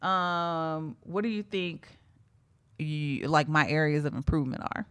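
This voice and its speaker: Low-voiced woman, reflective podcast co-host. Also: measured pace, a bit bright, clear, resonant tone, no echo. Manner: reflective and candid, many "um" and "like". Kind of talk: casual chat.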